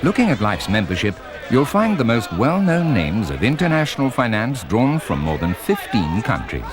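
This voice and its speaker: A man reading scripted corporate documentary narration in a measured, formal way. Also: mid-range voice, big pitch swings, a crowd in the background. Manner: measured, formal presenter delivery. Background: music.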